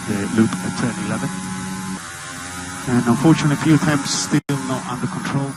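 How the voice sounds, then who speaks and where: A man's voice: mid-range voice, normal speed, loud music behind the voice. A man giving a driver clipped, matter-of-fact race instructions over team radio. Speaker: race engineer. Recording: loud noisy team radio over engine.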